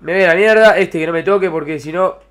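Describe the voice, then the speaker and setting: Jumpy high-voiced Argentine gamer man. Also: fast talker, fairly bright tone. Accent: Argentine Spanish. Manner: jumpy, swears constantly, screams in fright. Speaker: let's play gamer. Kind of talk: horror gameplay commentary.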